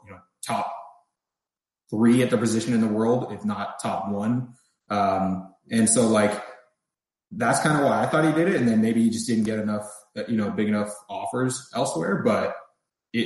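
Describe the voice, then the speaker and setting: A man's voice: fairly low pitch, darkish tone, heavy reverb, rough recording. A man appearing as a guest analyst on a casual podcast, thinking aloud with lots of fillers and hesitations.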